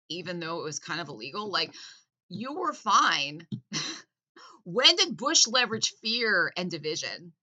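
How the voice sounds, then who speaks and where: A satirical commentator, this woman has a fairly low voice that sounds pushed and bright. She delivers a sarcastic, mock-earnest political rant, sometimes laughing at her own irony.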